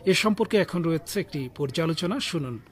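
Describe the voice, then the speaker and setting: A man reading the radio news in a measured, formal delivery. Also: a little high, lively intonation. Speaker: news reader.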